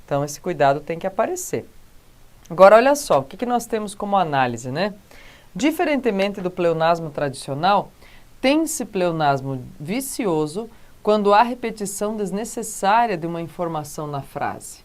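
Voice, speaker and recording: A woman's voice: on the low side, big pitch swings. A woman with a Brazilian accent teaching a recorded grammar lesson, checking in with the class after almost every point. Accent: Brazilian Portuguese. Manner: explains slowly with frequent "tá?" and "né, gente?" check-ins.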